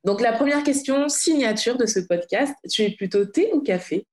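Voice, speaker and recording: A woman's voice: on the high side, lively intonation, moderate pace. A woman in her late thirties from France, hosting a casual interview podcast in a friendly, conversational way. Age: late 30s. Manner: friendly, conversational, addresses guest informally. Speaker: podcast host.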